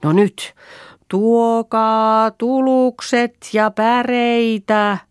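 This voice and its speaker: A woman voicing a frightened farm girl lost in the forest at night, calling out loudly to urge the others on. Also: deep voice, lively intonation, no room sound, studio quality. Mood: urging. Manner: calls out loudly, urging the others on.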